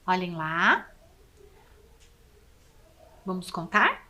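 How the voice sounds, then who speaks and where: Woman teacher, Brazilian Portuguese accent, slow patient delivery for a kids' video lesson. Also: fairly low pitch, very animated, pushed and bright. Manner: slow, patient, counting and spelling aloud.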